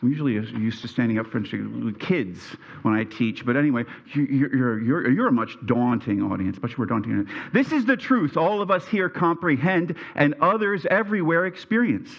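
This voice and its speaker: Speaking as an alumnus at a reunion in an event hall, a middle-aged Pennsylvanian with a Pennsylvania Dutch accent delivers a prepared speech, tripping a bit over words. He sounds gravelly at a medium pitch, with lively intonation, moderate pace and hardly any pauses, in a muffled recording.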